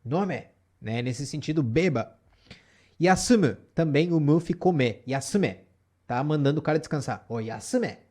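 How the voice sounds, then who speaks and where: A man's voice: fairly high pitch, a little slow, mellow. A man teaching a casual spoken lesson, explaining step by step and checking in with the viewer often. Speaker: Japanese teacher.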